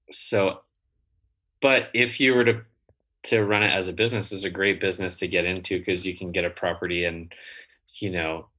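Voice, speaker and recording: A man being interviewed as a guest, talking casually in halting phrases with many restarts. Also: sits low, pushed and bright. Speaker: guest, builder and rental owner.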